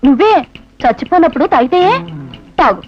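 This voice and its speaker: An actress playing a naive, talkative young village woman who speaks in an excitable, rustic way. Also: high-pitched, brisk. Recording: dull film soundtrack with music.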